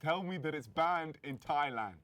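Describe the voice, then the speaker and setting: A man's voice: on the high side, normal speed, a bit bright. A man hosting and reacting to a clip, pressing contestants with teasing questions in casual commentary. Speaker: host reacting to a game show clip.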